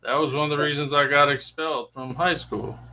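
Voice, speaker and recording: A man's voice: fairly high pitch, steady tone, fairly quick, very noisy. A man in a casual chat, talking in a chatty way and laughing easily.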